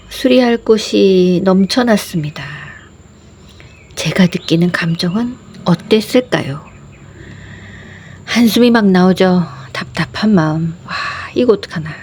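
A woman, a wife and mother, tells a personal story in a calm, reflective way. Her voice is soft and earnest, at a middling pitch, and now and then it sinks into a breathy whisper. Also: measured pace, a little hiss or hum. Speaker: vlogger sharing a personal meditation story.

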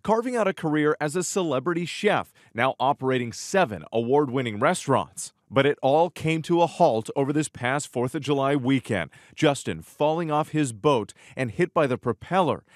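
A man in his forties hosting a morning TV show with a middle-pitched voice. He reads intros smoothly and chats with guests in an upbeat tone. He is heard on a lapel mic in a studio. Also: lively intonation, normal speed, few pauses. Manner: upbeat, smooth scripted delivery. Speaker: TV news anchor. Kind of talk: morning show presenting and interview.

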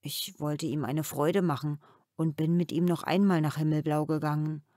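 Woman reading as a gentle, thoughtful father. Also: low-pitched, normal speed, dry recording, clean studio sound, natural voice. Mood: reflective. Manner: calm, reflective storytelling.

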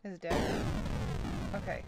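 A woman's voice: measured pace, heavy background noise. A middle-aged woman giving casual live commentary as a horror game streamer, scared and jumpy, exclaiming and swearing as she plays. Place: indoor room, seated at a streaming setup. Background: video game music and sounds.

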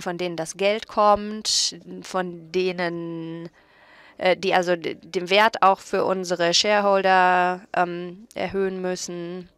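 Woman doing live interpreting for a conference panel, clean smooth voice, dry close sound, keeps fixing words mid-sentence. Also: mid-range voice, no echo. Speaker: simultaneous interpreter. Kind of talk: simultaneous interpretation of a panel discussion.

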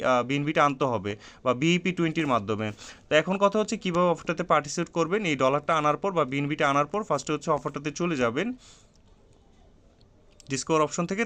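Halting tutorial guy, smooth voice. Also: on the high side, pushed and bright. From Bangladesh. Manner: hesitant, many drawn-out fillers, repeats steps. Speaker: online earning tutorial host. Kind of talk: step-by-step screen tutorial.

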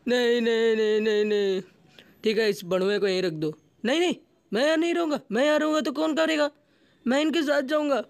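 A man's voice: very high-pitched, a little fast, gravelly, smooth, no room sound. A man voicing a pleading young man who clings to his master and begs him over and over, in a comic fan dub. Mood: desperate. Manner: wailing, begging, repeats himself.

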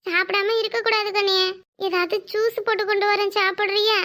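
A woman voicing a fussing, caring older village mother-in-law in a cartoon, speaking with a southern Tamil Nadu accent and giving orders fast. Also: extremely high pitch, flat delivery, pushed and bright. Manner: bossy, fast, scolding yet tender. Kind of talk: cartoon voice acting.

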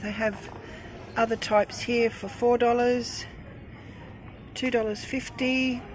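A middle-aged Australian woman chats through her fortnightly grocery haul on a handheld phone. She takes her time, with a slightly raised pitch, and fills her lists with ums and uhs. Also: steady tone, takes it slowly, slight background noise. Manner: chatty and thrifty, listing items with frequent ums. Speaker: vlogger. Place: discount shop aisle, then at home over groceries.

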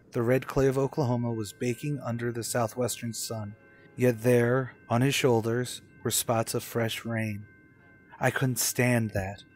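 In an old-time radio suspense drama, an actor voices a haunted cross-country motorist, anxious and growing obsessive, through first-person narration and dialogue. His medium-pitched male voice is a little mellow and lightly acted, turning dramatic and halting when rattled, over a faint hiss or hum.

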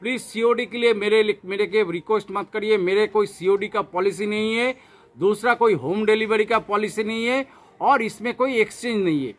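Indian-accented man, very high voice, sharp bright tone, emphatic sales pitch, plant seller hosting his channel. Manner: emphatic, repetitive, mixing in English terms. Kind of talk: promotional sales talk to camera. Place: covered open-air yard beside a house.

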